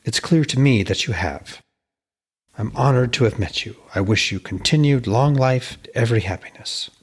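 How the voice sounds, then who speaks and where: Storybook smith, played by a male narrator: hearty family man, chatty and deferential, husky voice with upward swoops. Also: medium pitch, animated, normal speed. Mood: delighted, respectful. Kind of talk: dramatised reading of a myth tale.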